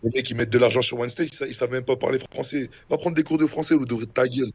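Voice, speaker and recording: A young man trash-talks another player during a game stream, mocking and needling him without letup. His voice is husky and a little rough, and the sound is close and dry. He speaks at an even, ordinary pitch. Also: very fast, no room sound. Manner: mocking, taunting, insulting. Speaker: streamer in a role-play game. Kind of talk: casual trash talk on stream.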